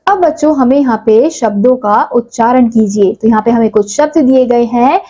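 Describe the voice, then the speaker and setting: A woman's voice: a little high, warm tone, poor audio. A woman teaching a primary school lesson, spelling words out sound by sound and lifting her voice on each answer.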